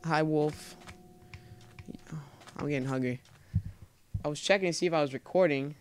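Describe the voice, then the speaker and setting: A young man with a slightly high voice narrates his game in a jumpy, foul-mouthed way, muttering and then blurting out panicky outbursts. A faint hiss sits under his home mic. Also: normal speed. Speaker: gamer. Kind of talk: let's play commentary.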